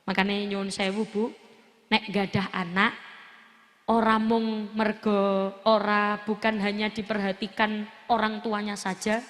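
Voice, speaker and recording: A woman's voice: medium pitch, measured pace. A woman with an East Javanese accent preaching a sermon to a live crowd, telling stories with humor, acting out family members, and asking the audience questions. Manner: lively storytelling, acting out quoted family members. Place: large gathering hall or open-air stage. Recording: long hall reverb from a live event PA.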